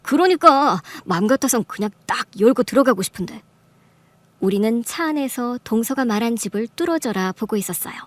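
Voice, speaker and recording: A woman's voice: fairly high pitch, lively intonation, brisk, no echo, close to an everyday voice. A woman playing a betrayed wife who narrates her story, fierce and accusing in a radio drama. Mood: calm narration. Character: furious betrayed young wife, sharp-tongued.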